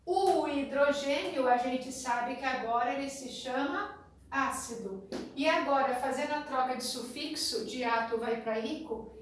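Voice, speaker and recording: A woman's voice: sits high, a little slow. Echoey Brazilian woman teaching chemistry. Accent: Brazilian Portuguese. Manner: chatty, repeats a sing-song memory rhyme. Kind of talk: classroom lecture. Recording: very echoey room, distant mic, faint noise.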